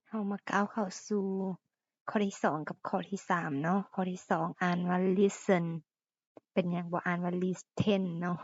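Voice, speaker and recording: A woman's voice: lowish voice, no room sound. A woman from Laos, an English teacher, patiently explaining English pronunciation and vocabulary and repeating each word carefully. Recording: dull lo-fi recording.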